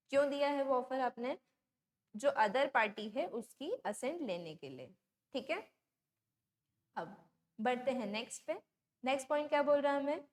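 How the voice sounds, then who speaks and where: This is a high-voiced woman, teaching a law class in a chatty way. She keeps asking her students questions and tells little stories. When she reads out English legal terms, she slows right down. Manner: explains by story, asks rhetorical questions. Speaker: law lecturer. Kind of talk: conversational Hindi lecture with English terms.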